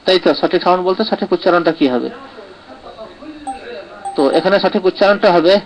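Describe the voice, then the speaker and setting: Male teacher, slightly higher voice, patient step-by-step explainer, keeps asking "right?". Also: fairly even intonation, fairly quick, faint music behind, low-quality recording. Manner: explanatory, checks in with "right?" often. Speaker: Quran recitation teacher. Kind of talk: live online lesson answering comments.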